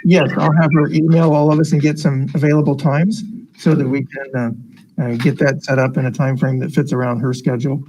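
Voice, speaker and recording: A man's voice: medium pitch, level tone, brisk, darkish tone. An American man talking through a face mask, formally reading agenda items aloud as he chairs a board meeting. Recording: noisy meeting room recording.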